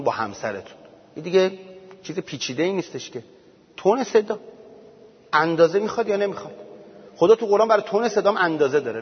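A man's voice: a little high, slightly rough. A man giving an informal religious talk as teacher, speaking conversationally and pressing his points with rhetorical questions. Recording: muffled sound with long hall reverb.

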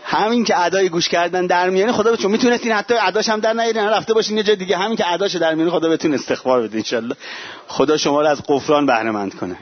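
A man gives a religious sermon in a lively, conversational way with playful asides. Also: sits high. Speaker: preacher. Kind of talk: religious sermon to a live audience. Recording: dull lo-fi recording.

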